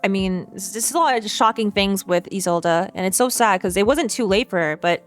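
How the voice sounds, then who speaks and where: A woman streamer reacts to a game's story in a medium-pitched, brisk voice. She thinks aloud and repeats herself in a chatty, casual way.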